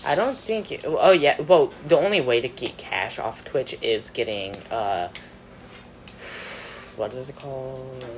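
An expressive, mid-range male voice moves at an unhurried pace against slight background noise. It belongs to a young man rambling casually over a game, frequently laughing and trailing off partway through sentences.

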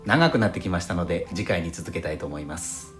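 A man from Fukushima hosting a solo audio podcast, talking in a calm, measured way. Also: low-pitched. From Fukushima, Japan. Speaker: podcast host. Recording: roomy sound with faint background music.

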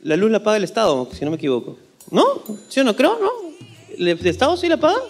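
Lively high-voiced man telling a story. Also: fast talker, vocal fry. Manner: lively storytelling with laughs and mock accents. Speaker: comedian co-host. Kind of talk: comedy podcast banter.

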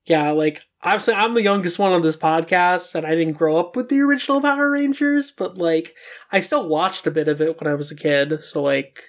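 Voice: mid-range voice, fairly quick. A young adult podcast host leading a casual discussion about animation with friends.

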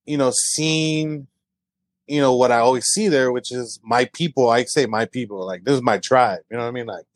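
Young man, casual chat, chatty and animated, mid pitch, close dry mic. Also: no echo. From San Antonio, Texas. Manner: animated storyteller, many fillers, quick high-pitched mimicry of others. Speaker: guest, comedy creator.

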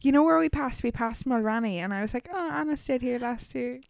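A young Irish woman in her twenties co-hosting a casual podcast, chatty and quick to laugh. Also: on the high side, creaky, dry recording. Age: 20s. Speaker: podcast co-host. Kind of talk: casual chat.

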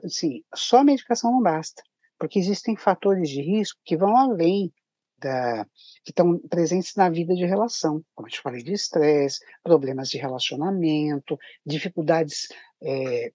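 A woman with a Brazilian accent explaining things as a psychiatrist guest, halting and restating her phrases. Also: low voice, a little mellow, husky, no echo. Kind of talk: explanatory interview talk. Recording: dull, muffled lo-fi audio.

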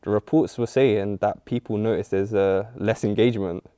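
A man speaks in a fairly low voice. He explains things informally as a podcast co-host, in a dry recording with no room sound. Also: steady tone, normal speed, dark tone, clear, resonant tone, dry recording. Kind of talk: casual podcast chat.

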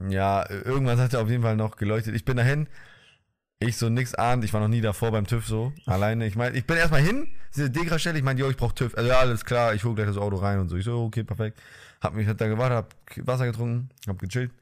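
Young male podcast co-host, mid-pitched, slangy, laughs a lot. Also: quick pace. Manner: storytelling with slang, laughing often. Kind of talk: casual chat.

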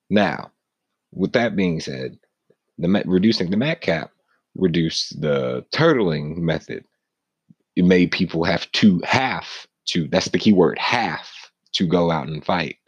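A man's voice: rumbling low, breathy edge, dry recording, lo-fi sound. A man hosting a casual gaming podcast, ranting bluntly with profanity and mocking himself. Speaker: podcast host.

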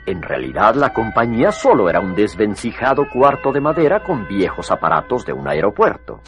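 A man's voice: on the low side, sing-song, a little fast. A man reading scripted story narration as the narrator of a children's tale. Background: music.

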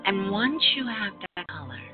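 A woman teaching a spirit class, leading a guided relaxation in a soothing, unhurried way and gently repeating her phrases. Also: mid-range voice, big pitch swings. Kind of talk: guided meditation. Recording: dull lo-fi sound under prominent music. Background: loud background music.

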